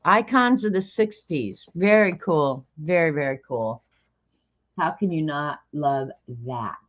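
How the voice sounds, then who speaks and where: Speaking slowly and easily in a lower register, this sixty-something streamer chats with her audience while opening mail, half thinking aloud and dropping in little laughs. The casual livestream talk stays relaxed and unhurried, heard through slightly dull lo-fi stream audio.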